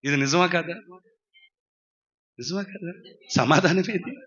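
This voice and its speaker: A man with a high, bright, ringing voice preaches a sermon at a live church prayer meeting. He keeps urging the congregation to respond loudly, then drops into low, quiet stretches. The live-stream audio sounds dull and lo-fi. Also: a little slow. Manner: swings between loud exhortation and low quiet passages. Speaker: pastor.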